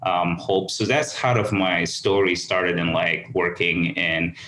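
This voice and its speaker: A man from Somaliland, raised in the UAE, speaking as a podcast guest on a remote call. He tells his story in a halting, earnest way with frequent restarts. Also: sits low, fairly even intonation, bright, forceful tone. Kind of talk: conversational storytelling. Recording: echoey room over a call.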